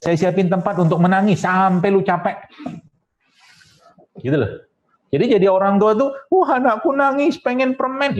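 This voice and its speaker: A man's voice: fairly high pitch, darkish tone. A man giving a casual, jokey health talk to an audience, with sound effects and quoted voices. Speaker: Islamic health speaker. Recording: dull lo-fi sound.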